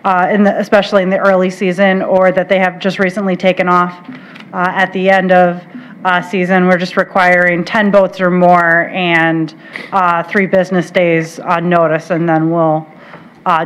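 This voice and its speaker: A woman presenting a plan to a county board with a halting delivery full of uhs, speaking into a table microphone. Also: lowish voice, a little hiss or hum. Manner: halting, many filler uhs. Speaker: water resource specialist presenting to county board. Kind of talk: public meeting presentation. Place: county board meeting room.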